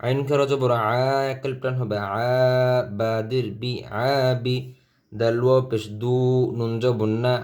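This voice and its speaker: A Bengali-speaking man teaching Quran reading, spelling out each letter and vowel slowly and deliberately. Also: mid-range voice, level tone, a little mellow. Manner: slow, deliberate syllable-by-syllable spelling.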